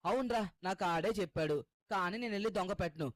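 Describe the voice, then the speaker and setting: A man voicing a defensive young guy who grumbles and calls out in drawn-out shouts during a cartoon-style game dub. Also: high voice, close to an everyday voice.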